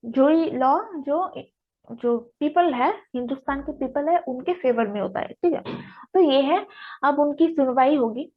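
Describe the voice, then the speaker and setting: A woman's voice: high-pitched, unhurried. A young woman hosting a casual news explainer, checking in with listeners often as she explains. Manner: chatty, frequent "theek hai" check-ins. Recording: dull lo-fi recording.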